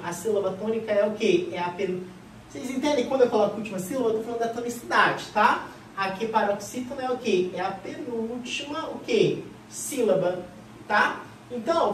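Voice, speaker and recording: A woman teaching a grammar class for an exam, who asks the class questions and answers them herself in a lively way. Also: a little high, a little hiss or hum. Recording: echoey room, voice from far off.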